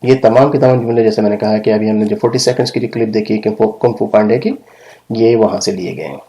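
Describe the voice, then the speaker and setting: A man teaching English phrases in a lesson, acting out examples with lively emphasis. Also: on the low side, rough recording. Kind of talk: language lesson explaining phrases.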